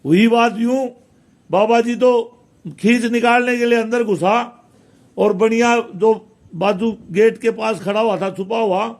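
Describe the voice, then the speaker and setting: A man tells a village folk tale in a high-pitched voice, speaking. He rambles and repeats phrases, slipping into dialect as he voices the people in the tale. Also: fairly even intonation, unhurried, darkish tone. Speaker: village storyteller. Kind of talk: casual folk tale telling.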